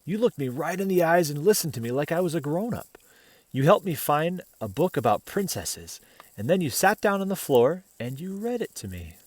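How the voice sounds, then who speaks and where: Here a man with a fairly high voice tells a children's picture book story expressively, dropping in casual remarks and questions for the listener along the way. The recording has a dry sound.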